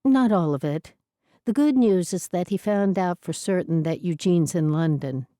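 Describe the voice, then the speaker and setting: A woman reading as a shaken but steady young woman. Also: lowish voice, moderate pace, dry recording, studio quality, close to an everyday voice.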